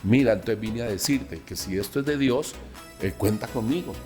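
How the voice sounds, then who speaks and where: Man, pastor, from Colombia, low voice, animated storytelling, reverberant room, soft music behind. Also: normal speed. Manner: animated storyteller acting out dialogue. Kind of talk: recounting a personal testimony.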